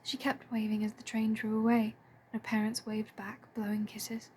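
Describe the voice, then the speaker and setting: A woman narrating a story in a soft, hushed, breathy voice, pitched fairly high yet mellow in tone. A faint hiss of noise sits under the reading. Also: monotone, moderate pace. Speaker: fan audiobook reader.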